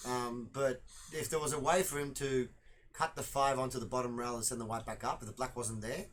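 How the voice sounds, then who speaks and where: A man doing casual, joking commentary on a pool match, laughing often and getting excitable. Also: mid-range voice, brisk, slight background noise.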